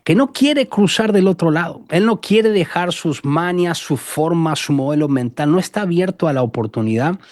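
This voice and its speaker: A man from Argentina with an Argentine accent, a guest telling animated stories in a conversational interview. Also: fairly high pitch, normal speed, few pauses, no echo, studio quality. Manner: animated storyteller, acts out quotes.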